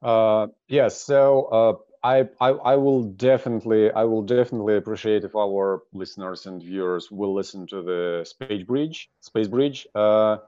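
A man with a Russian accent moderating a panel in English, speaking haltingly with many pauses and repeated words. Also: fairly low pitch, dark tone, no echo. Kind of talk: hosting a panel discussion. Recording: dull, dry video call audio.

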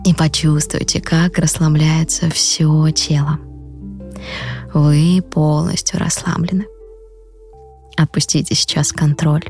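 A woman yoga teacher guiding a breathing meditation, slowly counting breaths and leading relaxation. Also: low voice, level tone, darkish tone. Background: music.

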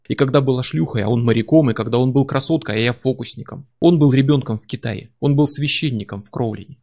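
A man's voice: medium pitch, gravelly. A man doing a coldly obsessive avenger. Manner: cold, quietly obsessive. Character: calm man possessed by vengeful past-life memory.

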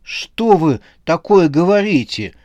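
Guy doing a frantic young wife, way higher pitch, worried and shrill-ish, storybook voice, dry. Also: sing-song, slow pace, a little mellow, no room sound, muffled recording. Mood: alarmed. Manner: alarmed, pleading. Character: anxious young wife, protective.

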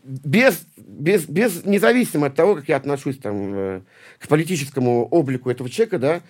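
Man, late forties, from st petersburg, rambling, swears constantly, rapid speech, slightly high voice. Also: animated, darkish tone. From St Petersburg, Russia. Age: 40s. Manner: rambling, heavy swearing, many restarts and repeated words. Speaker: guest, punk poet and musician. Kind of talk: casual interview talk.

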